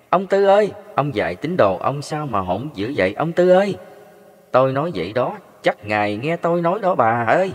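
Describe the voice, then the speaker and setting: A man's voice: medium pitch, lightly acted. A man voicing a meek older husband who laments and pleads in a raised voice. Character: meek, long-suffering older husband complaining. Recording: long hall reverb.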